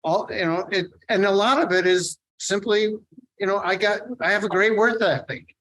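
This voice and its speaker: A late middle-aged man from the Philadelphia area, a guest artist talking in a casual interview, rambling and halting with many restarts. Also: high-pitched, a bit bright, rough recording.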